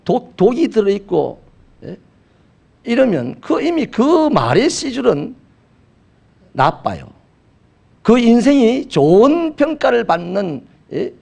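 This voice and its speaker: A middle-aged male pastor, preaching a sermon with animated storytelling. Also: high voice, creaky. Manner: animated storytelling with acted quotes.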